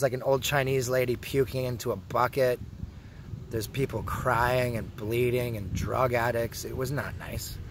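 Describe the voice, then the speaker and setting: A man's voice: mid-range voice, slight background noise. A Canadian man with a Canadian English accent ranting casually to camera, swearing often and telling his story with heavy sarcasm. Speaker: vlogger.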